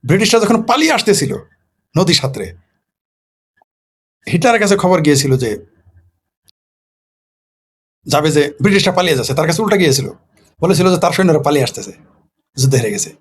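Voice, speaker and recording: Fast-talking husky man. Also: on the high side, very animated. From Bangladesh. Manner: poses rhetorical questions and answers them himself. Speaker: political commentator. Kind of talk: casual late-night monologue.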